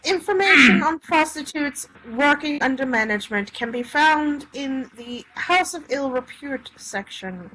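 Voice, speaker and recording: Her voice is high, sharp, and animated, moving a little slowly but with hardly any pauses as she casually reads from a tabletop game supplement. She fumbles some lines and cracks jokes, all on a rough recording with clear background noise.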